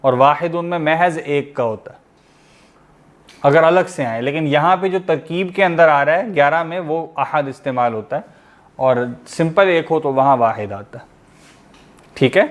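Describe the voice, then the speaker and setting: A man's voice: a little high, normal speed. A man teaching a grammar lesson over an online class. He explains step by step, asking the class questions and then answering them himself.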